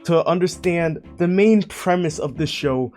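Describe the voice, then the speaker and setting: A man giving casual reaction commentary, earnest and lecturing, slowing down to stress key words. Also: on the high side, a little mellow, faint music behind. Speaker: online commentator.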